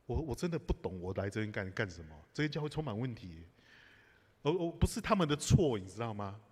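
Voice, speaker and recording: A man's voice: mid-range voice, big pitch swings, fast, a little mellow, husky. A man preaching a sermon, telling personal stories with humor and asides to the congregation. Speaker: pastor. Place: church sanctuary. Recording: live church hall reverb.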